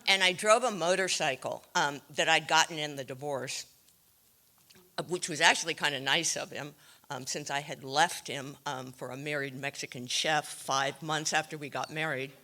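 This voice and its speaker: A woman telling her own recovery story to a meeting, wry and self-deprecating, with frequent pauses and ums. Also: deep voice, bright, forceful tone. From California. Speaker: AA speaker sharing her story. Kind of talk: recovery share, candid storytelling.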